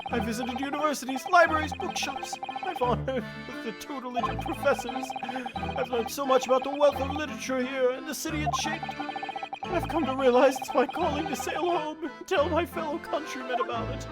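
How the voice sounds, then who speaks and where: A woman voicing a nervous, plaintive Japanese literary gentleman in a theatrical amateur read of a visual novel game. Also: high-pitched, brisk, natural voice, low-quality recording. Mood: earnest, defensive. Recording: music behind the voice.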